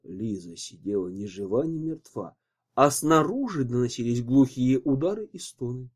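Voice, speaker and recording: A man narrates an audiobook with expressive, lively intonation. His tone is dark and mellow. There is a husky edge to the voice. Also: medium pitch, normal speed. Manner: expressive storytelling.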